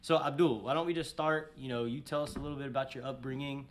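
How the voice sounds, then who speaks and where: A man's voice: medium pitch, quick pace. A man hosting a podcast, upbeat and joking in casual slang. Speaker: podcast host.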